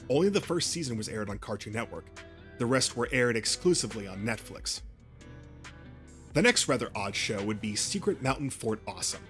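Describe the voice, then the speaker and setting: A man's voice: mid-range voice, fairly bright tone. A man narrating a history of a cartoon channel, reading a script with small slips and restarts. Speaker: YouTube narrator.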